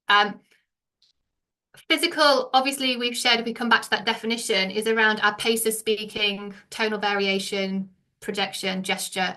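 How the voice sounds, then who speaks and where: A middle-aged English woman leads a teacher training session, explaining each point and putting questions to her listeners. Her voice has a bright, forward edge at an ordinary middle pitch. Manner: explanatory, asks the room many questions.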